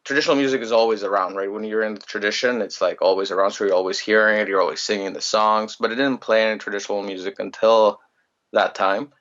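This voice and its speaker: A young man from Greece, a musician telling his story in a relaxed, rambling way in a casual interview. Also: fairly low pitch, fast, dull audio. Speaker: musician guest.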